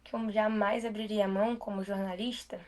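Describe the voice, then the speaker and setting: A young woman with a Brazilian Portuguese accent, a journalist guest in a casual interview, who talks quickly and loosely with many fillers. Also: medium pitch, level tone, a little mellow.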